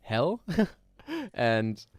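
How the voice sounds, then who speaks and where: A young German man with a German accent and a medium-pitched, very animated voice streams casually, building roller coasters and thinking aloud with lots of ums and little laughs. His words are drawn out and smooth, and the recording is dry with clean studio sound. Keyboard typing can be heard behind his live stream chat.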